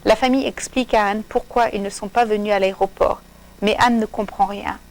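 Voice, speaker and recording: Woman reading a simple story slowly. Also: medium pitch, fairly even intonation, rough recording. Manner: slow, clear, simple sentences. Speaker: narrator. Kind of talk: slow storybook reading for learners.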